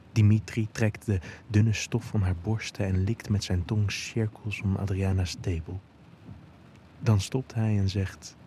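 A man's voice: lowish voice, dark tone, a little hiss or hum. A man giving intimate first-person narration of an erotic audio story.

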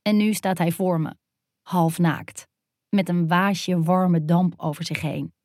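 A woman narrating a first-person erotic story in an intimate, hushed and dreamy way. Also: on the low side, steady tone, slow pace, no room sound, clean studio sound.

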